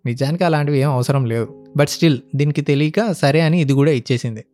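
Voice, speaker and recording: A man's voice: a little high, fairly quick, darkish tone, soft background music. A man telling a relationship story in a casual, blunt and sarcastic way, slipping English phrases into his talk. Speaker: relationship advice vlogger.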